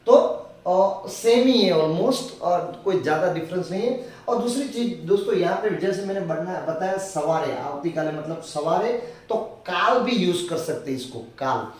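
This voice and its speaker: A man teaches a language lesson, saying each word and example sentence again and again. He speaks very slowly in a somewhat high voice. The recording is very echoey, with the voice a little away from the mic. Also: animated, far from the mic. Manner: repeats words and sentences slowly, stretching phrases. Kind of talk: slow spoken language lesson.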